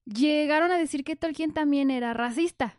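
A woman hosting a casual chat, lively and asking questions to steer it. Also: sits high, normal speed, no room sound, clean studio sound. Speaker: host.

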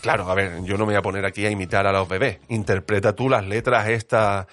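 A man's voice: lowish voice, fairly even intonation, quick pace, a bit bright, faint music behind. Joking podcast host, man. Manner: joking, slangy, sarcastic. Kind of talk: casual podcast chat.

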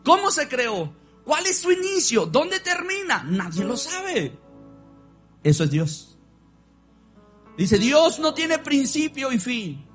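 A man's voice: very high-pitched, very animated, slow, long pauses, a bit bright, faint music behind. A man preaching a sermon in church, leading the congregation in call-and-response. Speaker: pastor.

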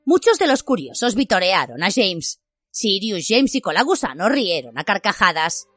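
A woman narrating a fantasy novel as an audiobook, with expressive storytelling. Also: mid-range voice, normal speed, no room sound, studio quality, faint music behind. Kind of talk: scripted fiction narration.

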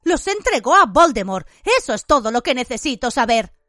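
A woman's voice: on the high side, fast talker, a bit bright, no echo, clean studio sound, natural voice. A woman voicing a furious teenage boy wizard whose voice trembles. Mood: angry. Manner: tense and shaky.

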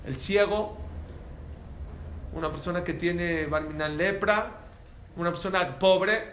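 A man with a Mexican accent giving a religious talk to an audience, telling stories in an animated way and acting out the dialogue. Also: sits high, slow pace, slight background noise. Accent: Mexican Spanish. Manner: animated storyteller who acts out dialogue. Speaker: religious lecturer. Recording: echoey room with faint ambience.

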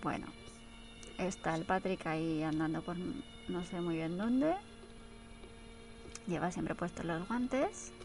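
Brief: woman doing casual, exclamatory commentary over a film, with the soundtrack music clear behind her. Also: on the low side, slow, long pauses. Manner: chatty, exclaiming, playful asides.

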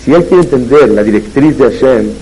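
A man giving a religious lecture as a rabbi, telling anecdotes and growing louder on his emphatic points. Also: medium pitch, lively intonation, a little fast, poor audio. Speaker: rabbi giving a Torah talk.

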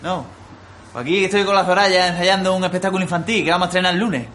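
Man as a theatrical amateur show director, wheedling, high-pitched. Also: quick pace, fairly bright tone, slight background noise. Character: pompous, flattering male amateur show director.

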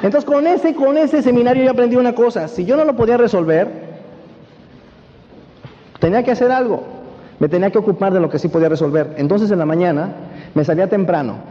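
High-voiced Mexican man telling his story. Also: quick pace, long pauses. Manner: animated storytelling, keeps asking the audience if they follow. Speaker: motivational speaker at a network marketing event. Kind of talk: personal testimony talk. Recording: dull echoey hall recording with faint hiss.

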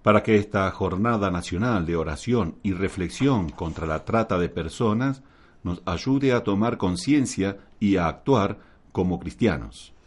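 A man's voice: low-pitched, lively intonation, unhurried, breathy edge. A man acting as lay reader and guide at Mass, reading scripted prayers and liturgical announcements.

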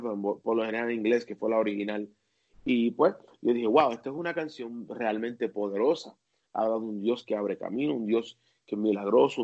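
Halting Spanish-speaking worship leader. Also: male voice, mid-range voice, darkish tone, highs cut off. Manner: halting, many fillers and restarts. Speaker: worship leader and singer, interview guest. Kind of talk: casual interview talk.

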